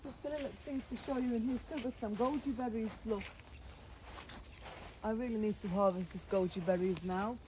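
A chatty garden vlogger strolls outdoors, casually walking viewers through her garden and pointing things out along the way. Her voice is a little high with fairly even intonation and a moderate pace, and background noise can be heard.

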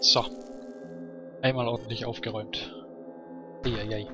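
A man's voice: medium pitch, level tone, measured pace. Man muttering casual gameplay commentary. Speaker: let's play commentator. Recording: loud game music behind voice. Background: video game music and sounds.

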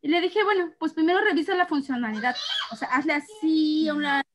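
A woman's voice: high voice, a little fast, a little hiss or hum. A woman in her thirties with a Mexican accent, chatting casually with her sister as co-host and telling family stories with lots of laughter. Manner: animated storytelling, laughing often. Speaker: co-host of an essential oils channel. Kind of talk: casual chat between sisters.

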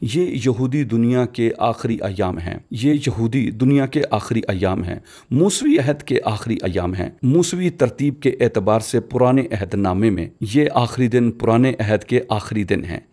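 A man voicing a dubbed sermon, giving a measured, explanatory teaching delivery. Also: medium pitch, animated, mellow. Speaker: preacher voice-over.

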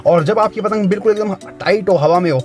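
A young man talks quickly to his camera from an open rooftop. His voice sits a bit high, and he keeps checking in with his viewers as he goes. Clear music plays under him. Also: a little mellow. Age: young adult. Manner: chatty, keeps saying "friends" and "okay?". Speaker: kite-flying vlogger. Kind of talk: casual demo and live commentary.

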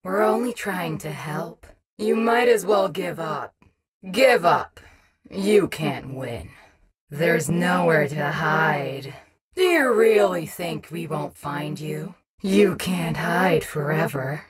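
A woman's voice: low voice, lively intonation, takes it slowly, crowd noise. A woman voicing a vain, competitive animatronic wolf rock star in a video game, boastful and taunting, with a menacing and insecure edge. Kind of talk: video game character voice acting.

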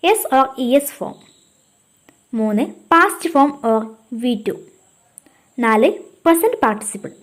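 A woman teaching a grammar lesson from a script, explaining in measured steps and saying English example sentences very slowly. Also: high voice.

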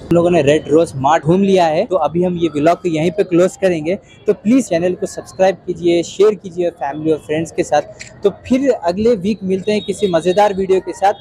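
A man's voice: sits high, brisk, dark tone, faint music behind. A man giving a chatty, upbeat walking tour of a big supermarket as host of his vlog. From Hyderabad, India. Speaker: vlogger and host. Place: large busy supermarket indoors.

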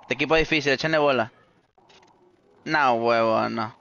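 Gamer calling the plays, casual swearing, dry muffled lo-fi audio. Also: male voice, mid-range voice, moderate pace, vocal fry, a bit bright, dry recording. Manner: organizes the team, gives instructions, swears casually. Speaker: online game player. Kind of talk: casual gaming voice chat.

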